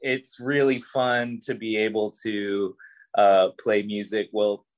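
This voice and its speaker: Low-voiced man rambling over a video call. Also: slow. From Puerto Rico. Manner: relaxed, rambling, many fillers. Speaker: musician guest.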